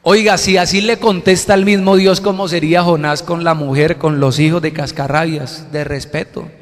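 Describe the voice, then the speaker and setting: A man preaching a sermon as pastor, animated and joking. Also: a little high, normal speed. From Colombia. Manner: animated, joking, acts out quotes. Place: church hall. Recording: reverberant hall sound.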